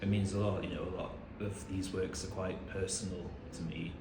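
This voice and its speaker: An artist from Swansea, Wales, with a Welsh accent gives informal interview answers in a cafe gallery, where the recording is echoey and very noisy. His voice is deep and level, his pace brisk, and he speaks hesitantly and reflectively.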